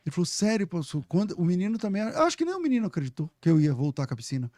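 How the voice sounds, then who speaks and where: Um pastor na casa dos quarenta anos, convidado de um podcast, que conta histórias de forma animada, ri e cita a si mesmo. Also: male voice, high-pitched, racing, dry recording, clean studio sound. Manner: animated, laughing storyteller who quotes himself. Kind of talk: casual podcast storytelling.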